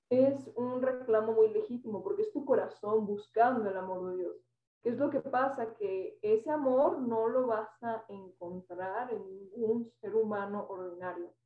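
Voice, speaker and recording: A woman talking calmly about faith in a reflective, explanatory way. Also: medium pitch. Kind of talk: casual faith talk. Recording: tinny phone-like sound, echoey, far from mic.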